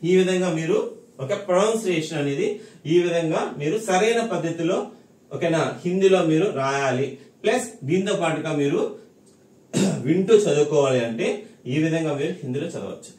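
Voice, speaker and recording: A man's voice: fairly high pitch, darkish tone. A male language teacher giving a recorded lesson, explaining patiently and repeating points, often checking that his students follow. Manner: patient, repetitive explaining with frequent check-ins. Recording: echoey room, mic at a distance.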